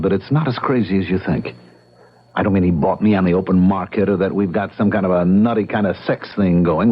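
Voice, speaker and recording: In a muffled old-time radio drama recording, a young adult male actor with a deep, slightly rough voice plays an earnest, stubborn young American bachelor who explains himself emphatically.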